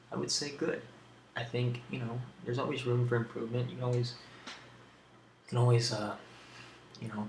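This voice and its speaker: Answering tag questions for a video, a man rambles casually in ASMR fashion with a medium-pitched, fairly flat voice laden with vocal fry. Background noise is clear, and the room gives an echoing sound.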